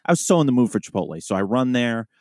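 A man's voice: mid-range voice, lively intonation, very fast, a little mellow, dry recording, clean studio sound. A man co-hosting a podcast as a police officer, telling loose, profane stories in casual chat, groggy this early in the morning.

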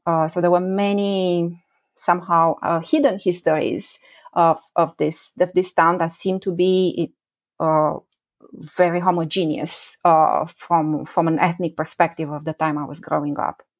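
A woman's voice: lowish voice, flat delivery, unhurried. A woman in her forties from Romania, with a Romanian accent, answering interview questions as a history professor, hesitant with many fillers and restarts. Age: 40s.

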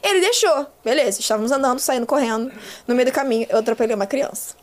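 A young Brazilian woman with a high voice who talks at a rapid clip. She is a podcast guest telling a story in a loose, animated way. She acts out every line of dialogue herself and swears casually. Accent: Brazilian Portuguese.

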